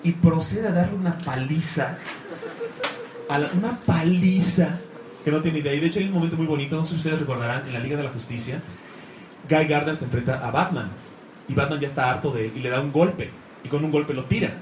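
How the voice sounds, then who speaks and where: A man's voice: a little high, brisk, darkish tone. A man giving an enthusiastic talk about comics to a live audience, rambling and searching for words. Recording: echoey room, faint noise.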